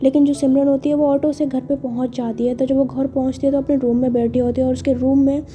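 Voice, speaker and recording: A woman's voice: high voice, flat delivery, fast talker, dark tone. A woman telling a romance story in a chatty, casual way, full of fillers.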